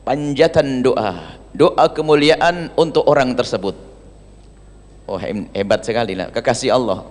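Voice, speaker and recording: A male preacher giving a sermon, animated, switching between loud emphatic lines and soft, quiet asides. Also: mid-range voice. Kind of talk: religious sermon. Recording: long hall reverb.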